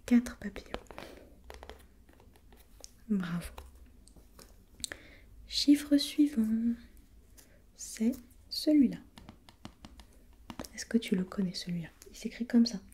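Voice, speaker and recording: A woman playing a gentle, patient preschool teacher in a soft, breathy whispered role-play, encouraging and repeating softly. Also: a little high, expressive, takes it slowly, long pauses, a little hiss or hum.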